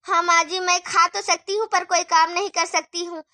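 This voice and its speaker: A woman's voice: very high-pitched, flat delivery, moderate pace, bright, forceful tone, dry recording. A woman voicing a lazy, defiant young daughter-in-law in a cartoon story who talks back sarcastically. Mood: sarcastic. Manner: teasing, sarcastic.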